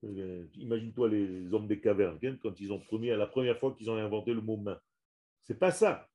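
A man's voice: on the low side, steady tone, brisk, dark tone. A man teaching a religious lesson on the Hebrew language to a small group, speaking in an emphatic way, repeating and restarting his words and stressing each Hebrew term.

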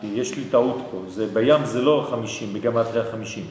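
A man teaching a lecture to a class, lively and often checking that listeners follow. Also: mid-range voice, slight background noise. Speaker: Torah teacher. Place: hall with an audience. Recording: echoey hall.

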